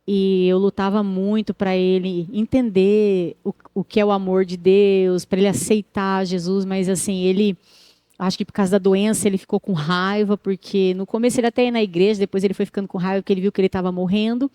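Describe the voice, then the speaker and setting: A woman physician telling her faith testimony as a guest in a TV studio interview, in a lively storytelling manner that acts out the dialogue. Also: medium pitch, fairly quick, clean tone, dry recording.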